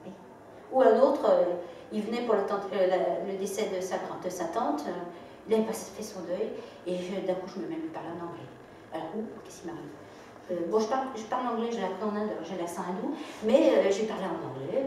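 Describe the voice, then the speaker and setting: A woman giving a talk, telling lively anecdotes and acting out the dialogue, with frequent laughter. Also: mid-range voice, a little hiss or hum. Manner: lively storytelling, acts out dialogue, laughs often. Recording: echoey room, mic far off.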